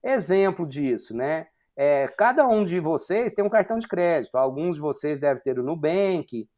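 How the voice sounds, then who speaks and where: A man's voice: a little high, animated, normal speed, darkish tone. Man in his forties lecturing with many fillers. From Brazil. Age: 40s. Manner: explanatory, many fillers and rhetorical questions. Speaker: university lecturer. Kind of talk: online lecture at a whiteboard.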